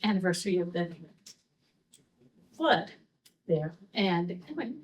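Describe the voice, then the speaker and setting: A woman's voice: fairly low pitch, animated, measured pace, distant mic. A woman introducing a speaker at a library talk, reading from notes with small slips and ums. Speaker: event host introducing the speaker. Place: library event room.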